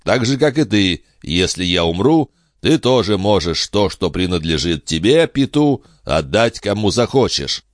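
A man reading a grave, gruff older farmer in an audiobook, terse and stern. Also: deep voice, very animated, unhurried, few pauses, no room sound, studio quality, pitched above the performer's own voice.

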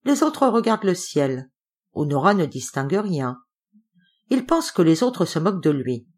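Woman, audiobook narration, somewhat low pitch, expressive storytelling. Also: measured pace. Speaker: audiobook reader.

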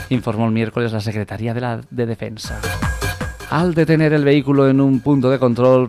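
A man's voice: mid-range voice, darkish tone. A man hosting a comedy radio show, reading out jokes and odd news with wry asides. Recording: radio show with music behind.

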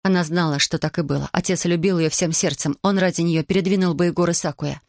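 A woman narrating a fantasy audiobook in calm, even storytelling. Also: lowish voice, quick pace, gravelly, dry recording, clean studio sound. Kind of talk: scripted narration.

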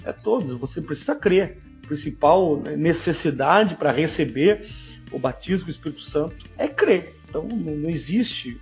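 A man's voice: a little high, lively intonation, normal speed, soft background music. A man co-hosting a podcast in a casual theological discussion, earnest and pointing to scripture references. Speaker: podcast co-host. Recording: slightly dull lo-fi audio.

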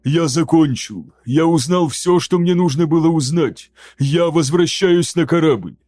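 Чтец-мужчина в роли израненного, усталого воина-принца: ворчливо, отрывисто, мягкий тёмный тембр. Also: male voice, fairly high pitch, unhurried, a little mellow, close to an everyday voice. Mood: weary, defiant. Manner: gruff, clipped, through clenched teeth. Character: battered, weary male warrior-prince, defiant.

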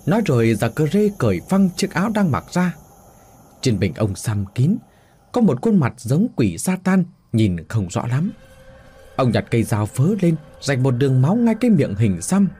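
Husky male horror storyteller. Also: mid-range voice, big pitch swings, normal speed, warm tone. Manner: dramatic, suspenseful. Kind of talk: scripted horror narration.

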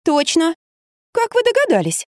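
A woman voicing an excitable young wife who plays the fool, exclaiming and indignant. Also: very high voice, moderate pace, dry recording, clean studio sound, pitched above the performer's own voice, exaggerated voice. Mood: agitated.

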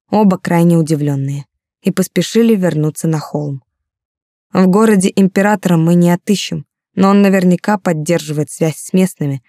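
Woman audiobook narrator, first-person novel, calm, low mellow voice, dry close sound. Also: no room sound.

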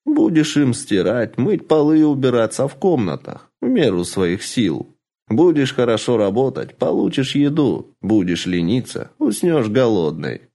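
A man's voice: medium pitch, gravelly, a little mellow, exaggerated voice. A man voicing a harsh, scheming old woman who runs a house of courtesans, giving cold, clipped orders in an audiobook. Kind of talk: audiobook character voice.

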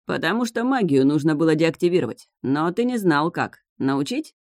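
Reader doing a smug prince, calm and mocking, audiobook, dry close sound. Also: mid-range voice, moderate pace, no echo. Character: smug, predatory male prince. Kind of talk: audiobook character voice.

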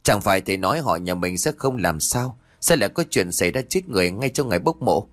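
A man doing a nervous, hurried villager. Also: sits low, lively intonation. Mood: alarmed. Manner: urgent, hurried. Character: middle-aged village man, nervous and impatient.

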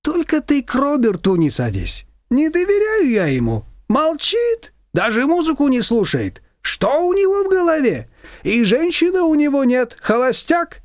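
A man's voice: very high voice, wildly swooping pitch, normal speed, dry recording, studio quality, pitched above the performer's own voice, full character voice. A man doing a boastful chatty old taxi driver. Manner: talkative, boastful, indignant rambling.

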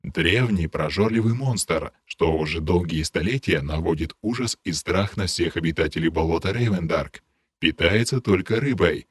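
A man voicing a solemn male game system announcer in an audiobook, speaking in a formal, measured way. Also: low voice, slightly rough, dry recording, voice pushed down.

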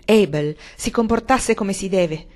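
Woman reading as an earnest young woman, firm and gentle, close to her own voice. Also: medium pitch, measured pace, lightly acted.

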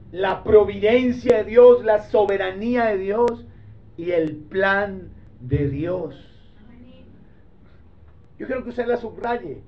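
Joking, lively man preaching a sermon. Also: high-pitched. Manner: lively, joking, speaks directly to the congregation. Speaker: pastor. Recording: dull lo-fi recording.

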